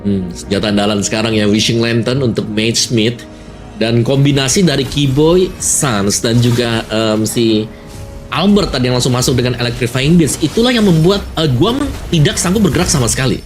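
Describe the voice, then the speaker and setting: An Indonesian man with a medium-pitched voice provides live esports commentary. He analyses the match conversationally, stressing points through emphatic repetition. Soft music sits behind his voice. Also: moderate pace. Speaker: esports caster.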